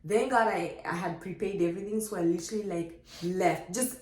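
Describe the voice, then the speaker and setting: A young woman animatedly telling her birth story to the camera, acting out quoted dialogue. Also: brisk. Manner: lively, acts out quoted dialogue with big pitch jumps. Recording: echoey room.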